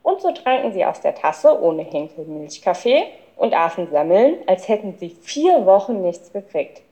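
A woman reading a children's book aloud as an expressive storyteller. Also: fairly low pitch, normal speed, lo-fi sound. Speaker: audiobook reader. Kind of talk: scripted narration of a children's book.

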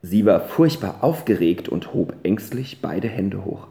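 An audiobook narrator reading a children's novel in an expressive, animated way. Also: low-pitched, a little slow, creaky. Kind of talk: storybook narration. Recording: roomy echo.

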